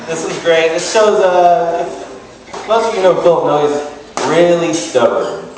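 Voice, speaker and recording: A man's voice: fairly high pitch, a little slow. A man giving a casual, joking best man's toast at a wedding, telling comic stories. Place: large room at a wedding reception. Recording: echoey hall, distant mic, noisy crowd. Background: wedding guests and crowd noise.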